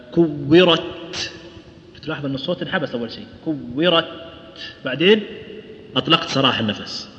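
A man's voice: medium pitch, fairly bright tone, slight background noise. A man teaching a tajweed lesson to students, explaining patiently, modelling recitation and asking them questions. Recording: roomy lo-fi hall recording.

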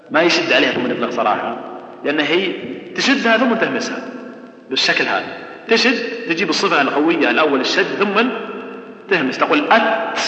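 A man's voice: on the high side, sharp tone. A man teaching tajweed, who repeats sounds and questions his students. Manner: explains patiently, repeats sounds and asks the class questions. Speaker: Quran recitation teacher. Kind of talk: tajweed lesson. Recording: echoey hall, dull sound.

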